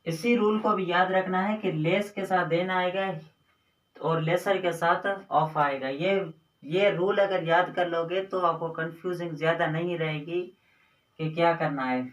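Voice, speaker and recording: A man's voice: sits high, fairly even intonation, a bit bright. A man teaching a grammar lesson, explaining step by step, repeating himself and drawing out his words. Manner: slow, repetitive explaining with drawn-out words. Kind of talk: Hindi grammar lesson on English adjectives. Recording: echoey room, voice from a distance.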